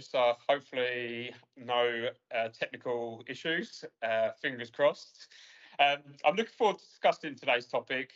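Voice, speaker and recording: Podcast host man, lo-fi remote audio. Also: mid-range voice. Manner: relaxed, many uh and um fillers. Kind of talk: casual podcast interview.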